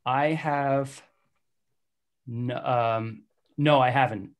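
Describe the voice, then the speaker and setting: A hungover man hosts a casual movie podcast over a video call. His pitch sits in the middle for a man, and he talks in a loose, jokey, easygoing way. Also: fairly even intonation, very slow. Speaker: podcast host. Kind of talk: casual film podcast chat.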